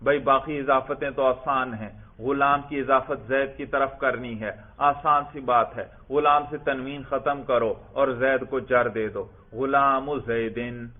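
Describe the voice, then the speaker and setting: A man's voice: mid-range voice, steady tone, hardly any pauses. A man teaching a classroom grammar lesson who asks questions and answers them himself, and recites text in a chanting tone. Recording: tinny phone-like lecture recording.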